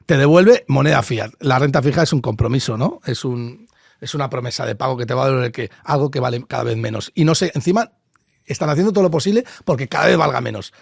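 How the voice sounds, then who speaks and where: Gravelly man, opinionated. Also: medium pitch, fast talker, dry recording, studio quality. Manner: opinionated, explains with rhetorical questions. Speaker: investor guest. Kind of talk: casual interview talk.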